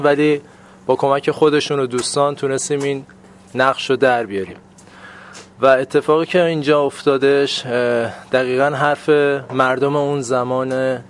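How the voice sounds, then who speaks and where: A man's voice: medium pitch, fairly even intonation, a little hiss or hum. A man, a stage actor, speaking earnestly and reflectively about his role. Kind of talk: interview answer.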